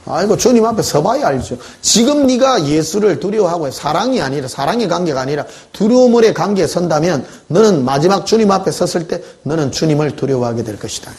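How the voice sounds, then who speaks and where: A man preaching, his pitch sitting a little high and swinging widely as he talks. He preaches in a conversational, storytelling way and keeps asking the congregation questions. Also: animated, a little fast, hardly any pauses, a little mellow. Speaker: pastor. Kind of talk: sermon. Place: church.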